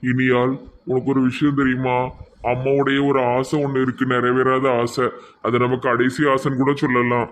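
A man's voice: medium pitch, completely flat delivery, normal speed, slight background noise, natural voice. A man playing a grieving, stern middle-aged widowed father with a Tirunelveli Tamil accent, speaking earnestly. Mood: sad.

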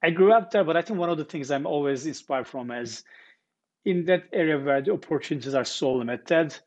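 Guest in his forties, on earbuds in a living room; a fairly high voice, earnest, talking in halting restarts. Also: muffled recording. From Turkey. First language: Turkish. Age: 40s. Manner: earnest, repeats words while searching, fillers. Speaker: guest founder. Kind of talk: casual interview storytelling. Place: living room with armchairs, indoors. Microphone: earbuds on video call.

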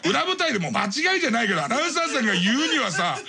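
Laughing, gravelly late-night radio man. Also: very high voice, sing-song, racing, a crowd in the background. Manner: rambling, self-mocking, laughing through his own story. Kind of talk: solo radio monologue, comic storytelling. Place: radio studio. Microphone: studio microphone. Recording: old cassette or MD radio recording.

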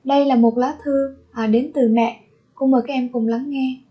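High-voiced woman teaching English words. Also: steady tone, dull audio. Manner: repeats each word slowly, then glosses it. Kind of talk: vocabulary lesson.

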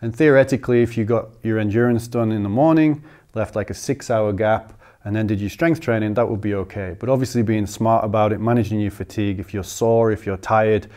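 A man in his thirties with a fairly low voice talks through training numbers as a strength coach, steady and methodical. He is recorded on a lapel mic in an indoor gym. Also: brisk. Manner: steady, methodical listing of figures. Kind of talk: instructional explanation.

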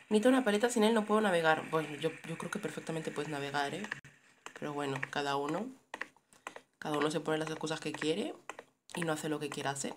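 A woman's voice: low-pitched, background noise. A young woman from giving sarcastic, jokey running commentary while playing a horror game. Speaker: gaming streamer. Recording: keyboard clicks behind the voice.

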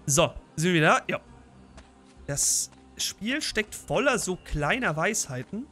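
A man's voice: high-pitched, big pitch swings, measured pace, pushed and bright. A man hosting a let's play, casually commenting and reading long in-game texts aloud with dry asides. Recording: faint game music behind.

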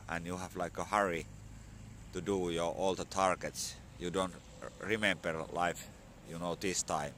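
On a sunny spring morning outside, a Finnish vlogger in his forties talks into a phone held at arm's length. Hoarse from a cold, he speaks halting English with many fillers in a low, slightly bright voice, and a little background noise comes through.

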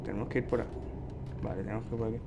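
A man with a Spain Spanish accent giving excitable let's play commentary, often yelling in panic. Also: lowish voice, very fast, noisy background. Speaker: gamer host.

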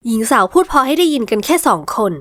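A woman narrating a romance novel in smooth, scripted storytelling. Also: high voice, animated, fast talker, no echo, studio quality. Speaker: audiobook narrator.

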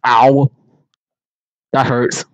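Here the amateur dubber talks very slowly in a level, mid-range voice, loosely improvising silly lines and feigning alarm without taking the animation seriously. The audio is dull and carries no room sound.

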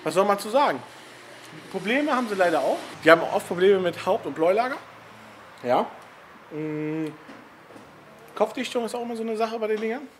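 Male garage vlogger, high-pitched, easygoing chatter, faint noise floor. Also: animated, a little fast, long pauses. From Italian family background. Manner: chatty, laughs often, frequent "ne?" tag questions. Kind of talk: casual chat.

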